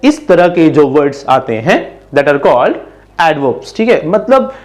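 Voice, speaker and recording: A man's voice: a little high, big pitch swings, takes it slowly, darkish tone. Hindi-speaking man teaching English grammar.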